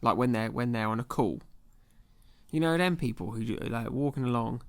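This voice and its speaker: A young man hosts his own show in a casual, comedic rant. His voice is gravelly with a rough creak at the bottom, set at an everyday middle pitch. He sounds exasperated and sarcastic and leans heavily on slang. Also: normal speed. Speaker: podcast host.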